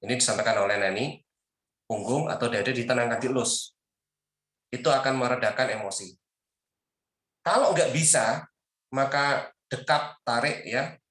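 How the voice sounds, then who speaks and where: A man's voice: medium pitch, a bit bright. Man giving a roomy parenting lecture. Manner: explanatory, enumerates points, rhetorical questions. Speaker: religious teacher. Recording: roomy echo.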